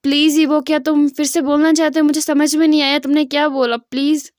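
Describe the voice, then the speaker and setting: A woman's voice: high voice, level tone, fairly quick, darkish tone, no room sound, studio quality, lightly acted. Woman doing an impatient young employee guy. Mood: pleading. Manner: impatient, pleading. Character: irritable young male employee.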